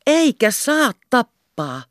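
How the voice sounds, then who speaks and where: A woman reading the part of a curious young woman who asks short sharp questions. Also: medium pitch, wildly swooping pitch, no room sound, clean studio sound, pitched above the performer's own voice.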